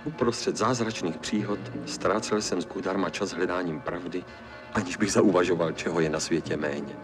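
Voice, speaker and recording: A man with a very deep voice narrates a film in a brooding, literary manner. Loud film music plays under his voice-over. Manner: brooding, addresses the listeners as gentlemen.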